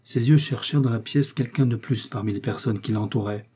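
Male audiobook narrator, measured delivery, warm dark husky tone. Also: medium pitch. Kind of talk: scripted narration of a novel.

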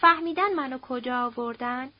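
A scared, battered young woman who pleads in plain everyday speech, as a woman reads her. The voice is high, and the audio is muffled and lo-fi. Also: no echo. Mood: pleading. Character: frightened, beaten young woman. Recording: dull lo-fi recording.

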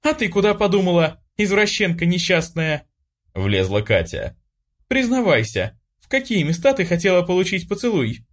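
A male audiobook reader voicing a sharp-tongued young girl who hisses threats and teases her sister. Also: sits high, huge pitch swings, moderate pace, pitched above the performer's own voice. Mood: mocking. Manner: hissing, mocking.

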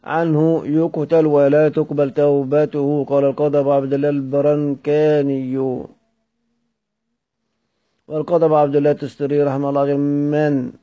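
Guy reading out a classical text in class, monotone, keeps fixing words, muffled old recording. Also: on the high side. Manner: measured reading, repeats and corrects words. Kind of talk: lesson reading aloud from a book. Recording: dull lo-fi recording.

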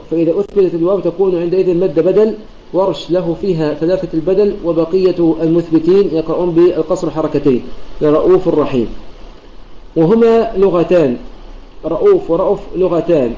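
A man's voice: fairly high pitch, fast talker, warm tone, roomy sound, lo-fi sound. A man teaching Quran recitation in a methodical lesson, quoting verses and poetry lines and restarting phrases to clarify, heard over an online voice chat room. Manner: quotes verses and poetry lines while explaining. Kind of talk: explanatory religious lesson.

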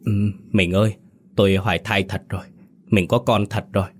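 A man voicing a tired, gentle village wife who speaks hesitantly and softly. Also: fairly low pitch, flat delivery, moderate pace, lightly acted. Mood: tearful. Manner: hesitant, soft-spoken. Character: middle-aged village woman, tired, gentle.

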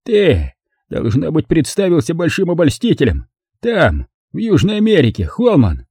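A man's voice: on the high side, huge pitch swings, normal speed, a little mellow, husky, no echo, clean studio sound, pitched above the performer's own voice, full character voice. A male audiobook reader voicing a drunk, bitter man who slurs and sneers sarcastically. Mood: sneering. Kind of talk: audiobook character voice.

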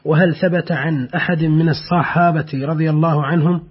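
A male radio presenter with a fairly high, slightly rough voice, speaking formal Standard Arabic in a measured way. He introduces and reads listeners' letters. The recording is dull and lo-fi. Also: steady tone. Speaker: radio program host.

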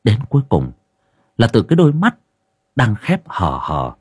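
A man's voice: lowish voice, wildly swooping pitch, moderate pace, a little mellow, slightly rough, no room sound, studio quality. A man, narrating a ghost story with dramatic expression.

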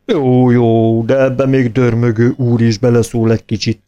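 A man voicing a grumpy, hungry bear gentleman in a storybook, talking slowly and gruffly. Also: mid-range voice, highs cut off, natural voice. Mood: gruff grumbling.

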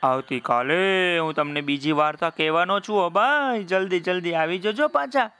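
A man's voice: high voice, moderate pace, bright, forceful tone, smooth. A man telling a children's story in a playful way, speaking directly to his young listeners.

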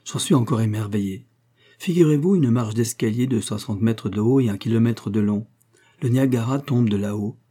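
A man's voice: fairly low pitch, moderate pace, warm tone, natural voice. A man voicing a cheerful, talkative young French newlywed in an audiobook, chatty and enthusiastic.

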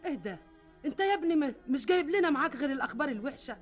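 Worried Egyptian mother, indignant, high and rapid, radio play. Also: lively intonation, faint music behind. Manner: exclaiming, indignant. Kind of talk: radio drama acting.

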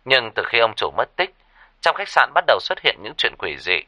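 A man's voice: mid-range voice, very animated, brisk, sharp tone, no room sound. A man voicing the announcing system voice of a game world inside a spoken story, formal and emphatic.

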